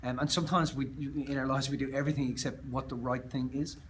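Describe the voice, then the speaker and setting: An Australian man speaking as a motivational speaker, telling a personal story in an earnest, emphatic way that often trails off softer. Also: medium pitch, level tone, fast, slight background noise.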